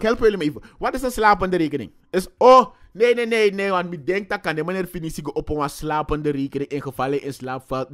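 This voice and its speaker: A man with a Surinamese Dutch accent giving animated, joking commentary on newspaper cartoons, slipping into Sranan and English. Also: extremely high pitch. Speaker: satirical commentator.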